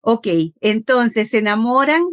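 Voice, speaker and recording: A woman hosting an interview, speaking in a reflective way with drawn-out phrasing. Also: on the high side, a bit bright. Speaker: interview host. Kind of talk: conversational interview.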